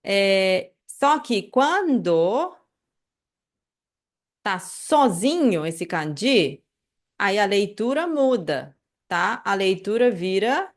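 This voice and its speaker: A woman with a Brazilian Portuguese accent teaches an online language lesson at an unhurried pace. She repeats each phrase slowly and patiently, often checking in with the listener. Her voice sits in an ordinary middle register. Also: mid-range voice, big pitch swings.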